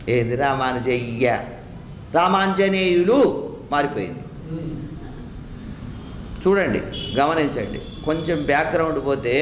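A man delivers a spiritual discourse in a slightly raised voice, firing off rhetorical questions and chanting Sanskrit phrases. The recording is echoey, with a faint room hum behind him. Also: a little high. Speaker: Vedanta teacher. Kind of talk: religious discourse.

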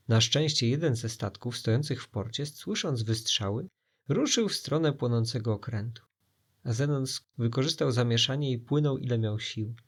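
A man, a father, narrating a children's sea adventure story with expressive delivery and dramatic pauses. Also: medium pitch. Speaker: father telling stories.

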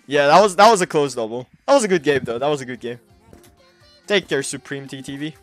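Excitable young man streaming a shooter. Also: a little high, fairly quick. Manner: excitable, laughing, trash-talking. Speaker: gaming streamer. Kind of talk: casual gameplay commentary. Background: anime music.

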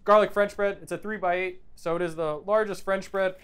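A man's voice: fairly even intonation, normal speed, fairly bright tone, clear, resonant tone. A man from a pizza company giving an upbeat product demonstration. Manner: upbeat sales pitch.

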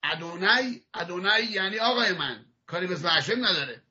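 A man gives a religious lesson on Hebrew pronunciation, patiently repeating and demonstrating sounds and often clearing his throat. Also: sits high, animated, pushed and bright. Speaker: rabbi teaching Hebrew pronunciation. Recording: muffled lo-fi audio archive.

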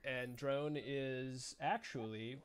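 A man's voice: mid-range voice, steady tone, slow pace, clean tone. Man patiently running a tabletop game. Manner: explains rules patiently, with fillers. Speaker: game master. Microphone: remote online call.

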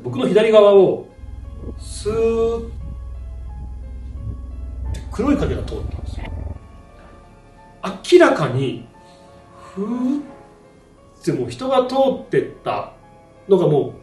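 A man tells a spoken ghost story in a high voice that swings widely in pitch, acting out sound effects as he goes. He is heard from a distance in a roomy space. Faint music plays behind him. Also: moderate pace, pauses often. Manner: animated, acts out sound effects and shouts.

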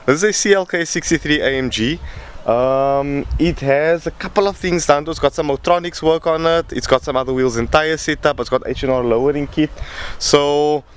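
A man's voice: on the high side, fairly quick, smooth. A man in his twenties with a South African accent hosts a casual car vlog in an informal, chatty, slangy way. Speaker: vlog host. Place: outdoors on a street, then inside a moving car. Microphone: camera at arm's length, then in-car camera. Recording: loud car and outdoor noise.

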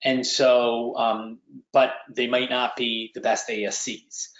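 A middle-aged man hosts a webinar over a video call, presenting and interviewing conversationally with many ums and restarts. His mid-range, slightly bright voice stays level and slow, and the audio sounds roomy and dull.

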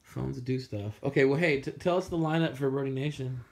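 A man running the festival, chatting casually and gently correcting pronunciations in an encouraging way. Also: mid-range voice, a little fast, vocal fry, a crowd in the background. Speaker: festival organizer. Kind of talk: casual chat.

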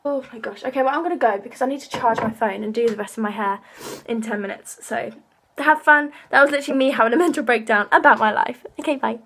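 High-voiced young woman venting. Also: fast, a bit bright, breathy edge. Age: young adult. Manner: emotional, rambling, swears freely. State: tearful. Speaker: vlogger. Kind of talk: casual venting to camera.

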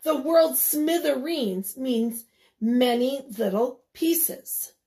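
A woman teacher with a fairly high voice reads a picture book to young children at a slow, patient pace. She stops to ask the children questions and sometimes drops to a soft whisper. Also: animated. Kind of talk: children's read-aloud lesson.

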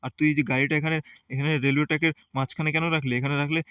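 A man's voice: fairly high pitch, little pitch movement, rapid-fire, a bit bright, smooth, no room sound, natural voice. A man voicing a bossy but caring uncle who reassures and lectures his nephew. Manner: reassuring, lecturing, repeats "ঠিক আছে". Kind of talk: game play voice acting.

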